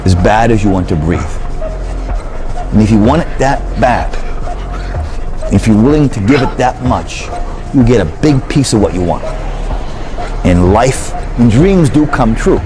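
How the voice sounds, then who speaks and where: A man with a fairly low voice gives a motivational speech. His emphasis is measured and preacher-like, and music is clearly heard underneath. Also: animated.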